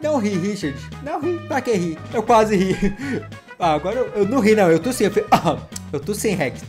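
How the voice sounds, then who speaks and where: A man, hosting his channel and reacting to funny cat clips in an excitable, playful way, teasing himself and his pets. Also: sits high, moderate pace, over music. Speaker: YouTube gaming host.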